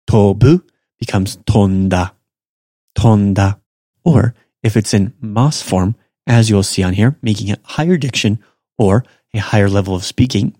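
With a mellow, fairly low voice, a male podcast host teaches Japanese, explaining each step and saying every example twice while joking at his own expense. The recording is studio quality, with no room sound at all.

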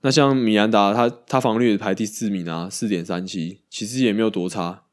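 Animated man chatting baseball. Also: fairly low pitch, brisk. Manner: animated, laughing and casually swearing. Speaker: podcast co-host. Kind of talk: casual baseball chat.

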